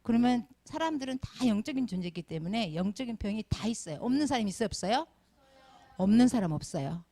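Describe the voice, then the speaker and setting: A woman leads a children's sermon, quizzing the kids again and again as she goes. Her voice sits a little high and swings widely in pitch. A gravelly fry runs under her words. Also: fast talker. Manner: asks the children constant questions, animated. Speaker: Sunday school preacher.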